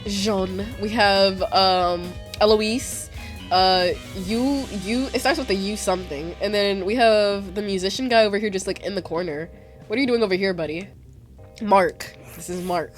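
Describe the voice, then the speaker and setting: A woman with a stuffy cold, chatting bubbly and fast-paced while playing through a game. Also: mid-range voice, faint music behind. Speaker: let's play host. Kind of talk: casual gameplay commentary.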